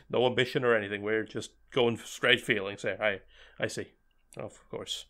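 A man's voice: on the low side, fairly even intonation, unhurried, sharp tone. A man co-hosting a podcast in casual chat, sarcastic and swearing. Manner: sarcastic, swears, mimics characters. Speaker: podcast co-host.

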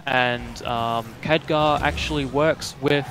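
A man speaks slowly in a mid-range voice, some slight background noise around him. It's casual gaming chat: streaming with a friend, he stays relaxed and wanders off on tangents full of fillers.

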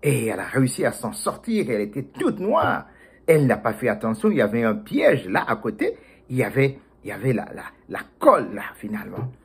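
A man telling a children's story in a casual, halting way with many fillers. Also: medium pitch, huge pitch swings, creaky, slightly rough. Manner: hesitant, many fillers and repeats.

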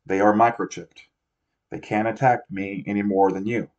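A man reading the lines of a tense grown man who guards and protects a boy, in a low, even voice. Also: moderate pace, natural voice. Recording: dull lo-fi recording.

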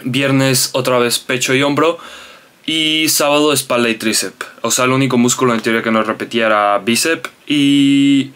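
A man's voice: medium pitch, moderate pace, fairly bright tone, smooth. A young man talking casually to his camera in a vlog, rambling and chatty with many asides and fillers. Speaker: vlogger.

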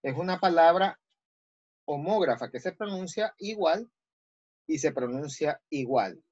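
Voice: medium pitch, expressive, measured pace, darkish tone, breathy edge, no echo, muffled recording. A teacher with an Ecuadorian Spanish accent explaining a language lesson step by step, often checking with "¿sí?". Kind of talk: recorded online class.

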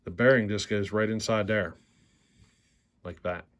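Guy at a workbench walking you through a fix, lowish voice, easygoing, keeps saying see how. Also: fairly even intonation. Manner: plain, unhurried explaining with frequent "see how" prompts. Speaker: chainsaw repair channel host. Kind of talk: hands-on repair demonstration. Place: workshop bench.

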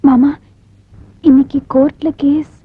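An actress playing a young married daughter, pleading and tearful, in a film drama. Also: female voice, high-pitched, little pitch movement, unhurried, dry recording, phone-quality sound.

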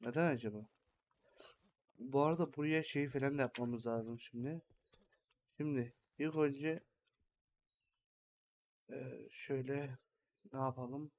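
A man's voice: mid-range voice, steady tone, unhurried, long pauses, a little mellow. A young man hosting a gaming channel, giving rambling, think-aloud commentary while he builds in a farming game.

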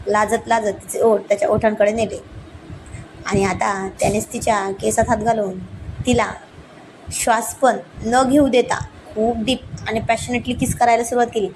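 A woman's voice: on the high side, a little mellow, a little hiss or hum, poor audio. Woman narrating a romance story.

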